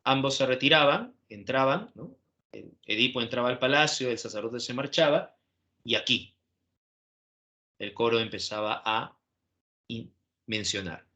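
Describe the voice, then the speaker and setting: Hombre, profesor, clase expositiva, voz brillante y enérgica, muletillas interrogativas. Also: male voice, mid-range voice, unhurried, pauses often, muffled recording. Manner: animated, constant tag questions. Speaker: teacher. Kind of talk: classroom lecture.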